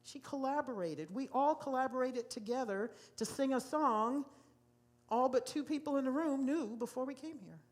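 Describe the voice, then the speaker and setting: A woman's voice: sits high, normal speed. A woman pastor preaching a sermon to a congregation in a church, emphatic and given to repeating key phrases. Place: church sanctuary.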